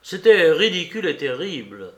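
A man reading a literary story aloud in a measured, sombre narrating voice. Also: on the high side, sing-song, a bit bright, echoey room. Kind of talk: audiobook reading of literary prose.

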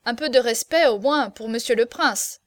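An eager steward loudly calls lot numbers and prices, as a woman plays him. The voice is a little high and brisk. The recording is dry and close. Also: no echo, natural voice. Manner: loud, brisk auctioneer calls. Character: eager male steward running an auction.

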